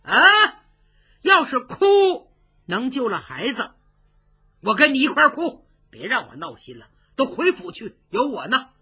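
A woman's voice: mid-range voice, sing-song, moderate pace, few pauses, pushed and bright. A woman voicing a blunt old male warlord who scolds and gives orders. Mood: gruff. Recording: dull lo-fi recording.

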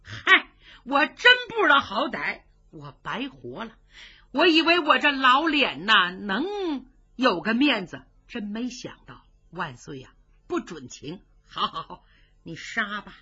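A woman voicing a grieving old noblewoman who wails and pleads in long, drawn-out cries. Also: fairly high pitch, sing-song, sharp tone, slightly rough, full character voice. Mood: tearful pleading. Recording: dull lo-fi recording.

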